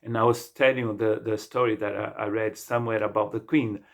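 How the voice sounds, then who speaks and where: A middle-aged pastor from the state of Rio de Janeiro, Brazil, preaches a sermon in a Brazilian Portuguese accent, Portuguese being his native language. He speaks earnestly but haltingly with many restarts, and his low, gravelly voice has a flat delivery.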